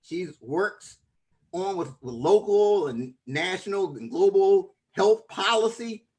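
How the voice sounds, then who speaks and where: A man's voice: high-pitched, lively intonation, slow, darkish tone. A man hosting a podcast, introducing a guest with enthusiasm and often stumbling over and repeating his words. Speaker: podcast host. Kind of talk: casual interview introduction.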